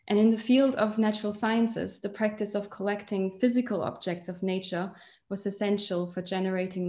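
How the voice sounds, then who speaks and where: A woman's voice: medium pitch, darkish tone. A young woman from Switzerland, a doctoral researcher, giving an online lecture from a museum collection room and explaining while holding up specimens. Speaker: PhD researcher.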